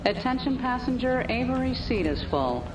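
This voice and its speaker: A woman's voice: on the high side, big pitch swings, normal speed, over music. A woman playing a female airport announcer addressing passengers over the intercom. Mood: formal. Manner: formal public announcement. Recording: echoey loudspeaker with crowd behind.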